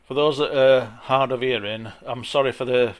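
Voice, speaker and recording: A man with a broad Yorkshire accent talking through an informal software tutorial in a plain-spoken, chatty way, with a gravelly voice. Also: medium pitch, fairly even intonation, normal speed. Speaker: tutorial presenter.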